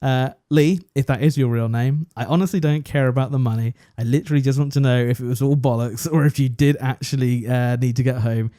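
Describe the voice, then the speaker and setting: A young Englishman with a medium-pitched, warm voice tells a story casually on a podcast, where he's a co-host, acting out both sides of the conversation. He's chatty and self-deprecating, talking briskly with fairly even intonation and hardly any pauses. The recording is dry and studio quality.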